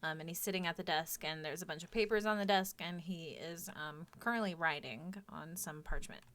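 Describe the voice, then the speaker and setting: A woman narrating as game master of a tabletop game, laughing often and filling pauses with ums. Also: sits low, a bit bright. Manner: laughs often, many fillers.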